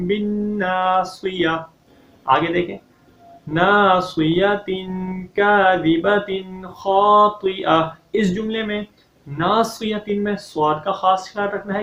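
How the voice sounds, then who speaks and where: A man teaching a tajweed lesson, explaining pronunciation patiently, often checking in with "okay?", and reciting verses slowly and louder. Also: high-pitched, gravelly. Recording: echoey, slightly dull recording.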